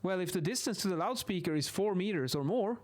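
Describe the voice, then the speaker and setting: An animated acoustics instructor and video host in his thirties talks in fairly high-pitched, Swedish-accented English, sketching while he explains things informally and haltingly, often restarting words. He works in a small home office, right up close to a boom-arm studio microphone.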